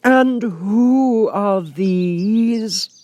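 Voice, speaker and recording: A man voicing a furious, impatient playing-card queen in a shrill, commanding storybook voice. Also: drawn-out words, darkish tone. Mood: imperious, impatient. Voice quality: shrill, screaming.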